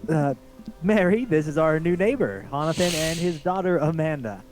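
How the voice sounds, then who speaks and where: A man's voice: on the high side, expressive, normal speed, a little mellow, lightly acted. A man voicing a polite, cheery suburban dad welcoming a new neighbor in a dating game read-through. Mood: hospitable. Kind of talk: voicing visual novel characters on a live stream.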